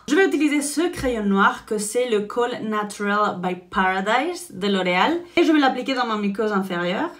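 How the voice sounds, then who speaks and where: A woman's voice: a little high, a bit bright. A young woman with a Spanish-influenced French accent, chatting casually through a makeup tutorial and dropping "en fait" often. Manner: chatty, frequent "en fait" fillers. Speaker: beauty vlogger.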